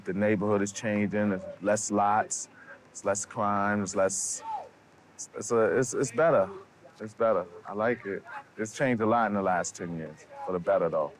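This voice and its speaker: Lower-voiced man, halting interview talk. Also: steady tone. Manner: halting, repeats words while searching for them. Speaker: interviewee, local resident. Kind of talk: documentary interview.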